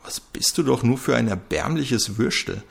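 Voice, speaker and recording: A man voicing a furious, cornered young woman who shouts and sneers crudely. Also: mid-range voice, expressive, normal speed, vocal fry, slightly rough, heavily acted. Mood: sneering.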